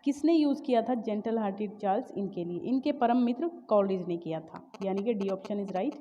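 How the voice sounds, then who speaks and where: A woman teacher with an Indian English accent, explaining exam questions in Hindi mixed with English, reading each question out slowly and often stopping to correct herself. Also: mid-range voice, mellow, in a large hall, muffled recording, slight background noise. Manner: many fillers and self-corrections. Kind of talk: exam-prep lecture.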